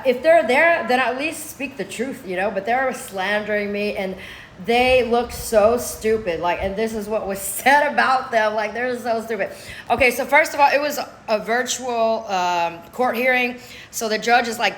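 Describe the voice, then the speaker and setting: A woman's voice: fairly high pitch, a bit bright. A woman vlogger casually retelling a story in a mocking, scornful way, with many restarts and filler words. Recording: roomy echo.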